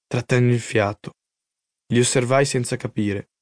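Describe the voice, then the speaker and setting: A man from Italy reads his own memoir aloud, keeping the storytelling lively and expressive. His voice is in the middle range, and a close studio mic gives it a dry, intimate sound with no room around it. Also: medium pitch, normal speed, no echo. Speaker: author and audiobook narrator. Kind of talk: first-person audiobook narration.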